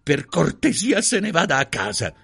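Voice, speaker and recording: A man voicing a furious housewife who orders a guest out in a shrill, shouting voice. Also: lively intonation, a little fast, slightly rough. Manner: screaming, shrill. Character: furious older housewife, fierce and protective.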